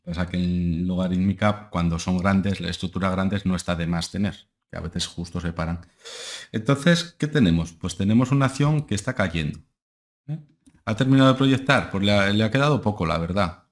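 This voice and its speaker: At a moderate pace, a low-voiced young man from Spain rambles through market charts in a casual screen-share session from his home room. He's a stock market analyst who hosts a channel, and his speech is thick with fillers like ¿eh? and ¿vale?.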